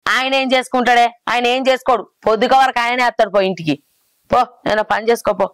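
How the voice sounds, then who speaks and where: A woman's voice: on the high side, fast talker, a bit bright, dry recording, lightly acted. A middle-aged woman playing a stern village mother who scolds her son-in-law. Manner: scolding, indignant. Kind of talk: village short film acting.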